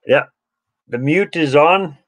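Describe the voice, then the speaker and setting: A man hosting a live online show, speaking in a friendly, halting way full of fillers. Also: a little high, a bit bright, no echo, poor audio. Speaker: host.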